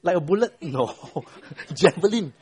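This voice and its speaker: A man's voice: high voice, unhurried. A middle-aged man teaching a Bible class, quizzing his students and tagging points with "right?". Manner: quizzes the class, constant "right?" tag questions; retells the story with lively voiced quotes. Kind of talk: interactive Bible lesson to a class.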